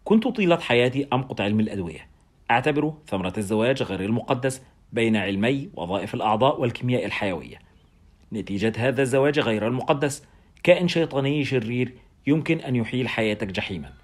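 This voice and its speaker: A man narrating a first-person story as an audiobook, in a brisk and wry storytelling manner. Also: mid-range voice, expressive.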